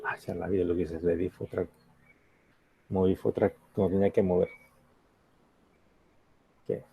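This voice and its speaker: A man's voice: deep voice, level tone, normal speed, gravelly, husky, muffled recording. A man teaching an English grammar lesson in Spanish, patiently asking the class questions and checking in with "ok?".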